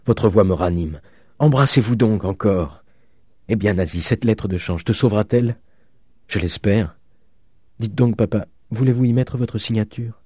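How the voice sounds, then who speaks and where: A man voicing a frail old father who cries out in a high, strained voice. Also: normal speed, warm tone, breathy edge, no echo, studio quality. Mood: pleading.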